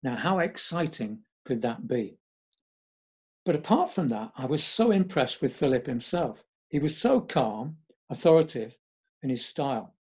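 Husky older man reminiscing. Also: mid-range voice, lively intonation, normal speed, a little mellow. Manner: chatty, wry, reminiscing. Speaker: storyteller. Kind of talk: memoir storytelling.

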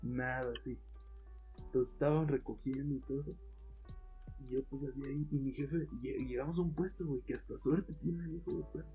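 A young Mexican man spins a long story in loose, slangy casual chat. His voice is dark and mellow, and he slips into the voices of the people he quotes. Faint music sits underneath. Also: medium pitch, steady tone, fairly quick, poor audio. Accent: Mexican Spanish. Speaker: podcast co-host telling a story.

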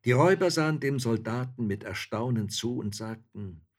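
Man, narrator, fairy tale reading, husky voice, lively expressive pitch. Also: normal speed. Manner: expressive storyteller.

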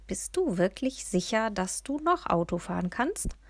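A woman's voice: mid-range voice, very animated, measured pace, dry recording. A woman voicing the cautious female narrator-heroine of an audiobook in her own quoted lines. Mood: careful. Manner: careful, reassuring. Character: cautious female companion, the story's first-person narrator.

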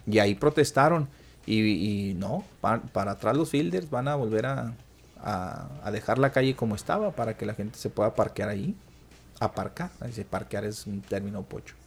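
A man's voice: fairly low pitch, normal speed, creaky, slightly rough. A man with a northern Mexican border accent talks casually as a radio call-in host, explaining things in colloquial words and often checking for agreement.

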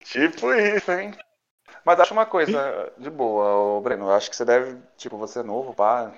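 A man's voice: mid-range voice, lively intonation, normal speed, dull audio. A man with a São Paulo Brazilian Portuguese accent chatting casually in an enthusiastic, slangy way. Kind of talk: casual chat.

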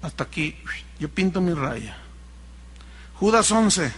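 A man with a Mexican Spanish accent preaching a sermon as pastor, animated and mocking as he mimics other people. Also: a little high, slow pace, breathy edge.

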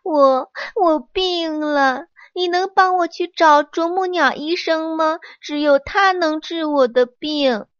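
A woman voicing a sick peach tree in a children's story, with a slow, faltering and pleading voice. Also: high voice, fairly even intonation, no room sound, muffled recording, voice pushed up, full character voice. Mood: pained pleading. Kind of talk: storybook character voice.

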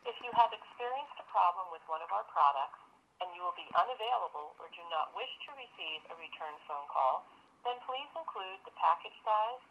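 A woman reading a formal, scripted customer service voicemail greeting in a phone menu voice over a telephone. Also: mid-range voice. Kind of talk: recorded phone menu announcement. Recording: noisy telephone call heard on speaker.

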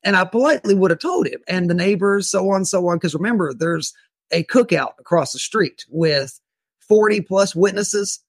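A man's voice: sits high, slightly rough, dry recording. A man telling an interviewer about a tense police encounter, retelling it animatedly and often restarting his words. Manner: animated retelling, acts out his own quoted lines; halting restarts, repeated words. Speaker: guest telling his self-defense story. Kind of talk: podcast interview, first-person storytelling.

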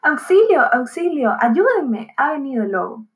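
A woman reading a storybook voices a mischievous young shepherd boy who shouts for help in a raised, high voice. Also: lively intonation, moderate pace. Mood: panicked.

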